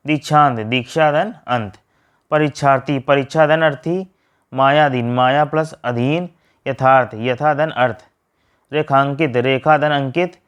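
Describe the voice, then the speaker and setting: A man teaching a grammar lesson, reading out word pairs and splitting each one in a steady drill. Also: medium pitch, dull audio.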